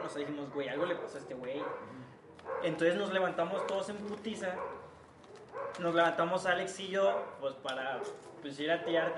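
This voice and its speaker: A young man with a Mexican Spanish accent telling his side of a story among friends in a laid-back way, swearing freely and quoting the others. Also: on the high side. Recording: distant mic, echoey room, background noise.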